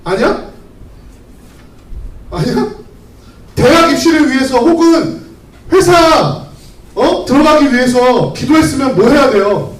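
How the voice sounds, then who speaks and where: A man preaches to a youth group in a high, animated voice, asking many rhetorical questions. He speaks conversationally and tells stories as he goes. The church hall is roomy, and the mic is some distance from him. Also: takes it slowly, long pauses. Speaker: pastor. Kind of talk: youth sermon with storytelling.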